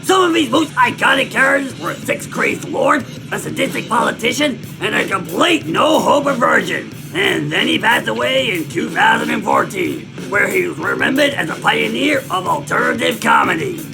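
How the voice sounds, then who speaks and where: A man voicing an ancient, cranky Australian squatter who shouts and rants at everything in a video game, with a gravelly Australian accent. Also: extremely high pitch, huge pitch swings, moderate pace, few pauses, exaggerated voice. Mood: ranting. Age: older. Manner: shouty, grumbling old-timer rants. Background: game music.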